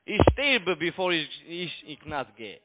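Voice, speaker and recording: Unhurried, with big pitch swings, a slightly high male voice comes through a tinny phone line over a noisy crowd. The foreign-accented phone broker and scam caller, not a native German speaker, argues in broken sentences, insistently repeating phrases.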